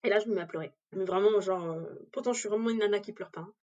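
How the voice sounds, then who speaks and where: A woman's voice: medium pitch, very fast, a little mellow, highs cut off. A woman giving a candid personal account in an interview, speaking directly and with emotion. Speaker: interview guest.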